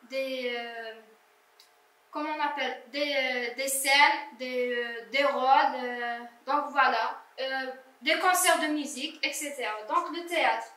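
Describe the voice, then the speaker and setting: Far from the mic in a highly echoing room, a primary teacher talks to small children with careful, slow speech. She has a bright, high voice and sounds out each syllable while going over their exercises.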